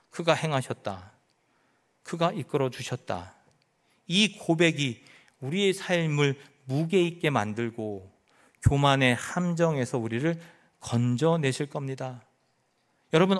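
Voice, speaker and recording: A middle-aged male pastor preaching a sermon, swinging between loud declarations and hushed lines and acting out imagined speech. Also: a little high. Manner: dramatic, quotes imagined speech.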